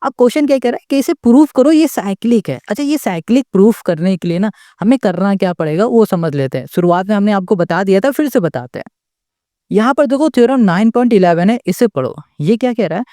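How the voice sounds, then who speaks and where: Mellow-voiced patient maths tutor. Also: medium pitch, expressive, quick pace, no room sound, clean studio sound. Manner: asks the class rhetorical questions and checks in with "okay?" often; patient and repetitive, restating each step. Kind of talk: step-by-step maths lesson.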